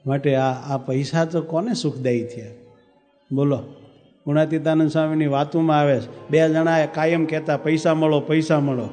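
A man's voice: a little high, flat delivery, moderate pace, darkish tone. A man giving a storytelling sermon, acting out dialogue and chanting verses. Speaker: preacher. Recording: reverberant hall with faint music.

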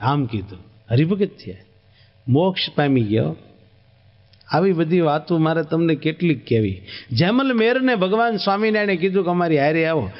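A man with a Kathiawadi Gujarati accent preaching a devotional sermon as an animated storyteller who acts out the dialogue. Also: a little high, normal speed, pauses often. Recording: dull lo-fi recording.

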